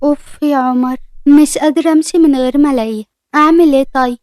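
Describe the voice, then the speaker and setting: A woman voicing a flustered, quick-tempered teenage girl, speaking with an Egyptian accent and scolding in a rapid rush. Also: high-pitched, steady tone, a little mellow, dry recording, lightly acted. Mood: anxious.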